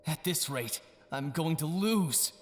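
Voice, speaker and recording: Voicing a haughty young card-game villain from an anime-style audio drama, the actor is theatrical and taunting, shifting from sly murmurs to shouts with a gloating edge. Here he sounds dismayed and brooding, his voice on the high side with lively intonation and a slow pace.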